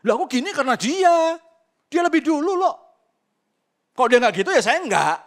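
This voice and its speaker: A man voicing a self-excusing person who blames everyone else, in a high, strained, protesting tone during a sermon. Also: very animated, normal speed, heavily acted. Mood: defensive. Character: whiny self-excusing man blaming others. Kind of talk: sermon with acted quotes.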